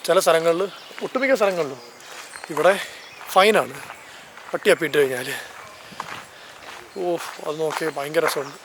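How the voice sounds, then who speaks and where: A travel vlogger with a Malayali accent narrates while walking through a seaside town and park, the camera held in his hand. Enthusiastic and prone to correcting himself, he speaks at normal speed with many pauses. His voice is on the high side, and the background is noisy.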